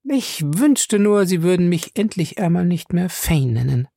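A man's voice: high voice, animated, moderate pace, vocal fry, a little mellow, no room sound, clean studio sound, voice pushed up, exaggerated voice. A man reading an audiobook voices a married society woman who speaks in an affected, urgent way. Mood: affected, worried. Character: poised married woman, worried and a little affected. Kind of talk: audiobook character voice.

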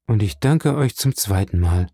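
A man's voice: on the low side, expressive, moderate pace, warm tone, breathy edge, no room sound, clean studio sound. A man reading an audiobook, voicing a determined young seaman who speaks in an earnest, confident way.

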